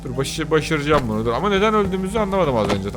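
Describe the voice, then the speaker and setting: Excitable young man gaming, high lively voice. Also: very fast. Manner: excitable, jumps to shrieking outbursts. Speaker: gaming YouTuber. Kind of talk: casual Let's Play commentary.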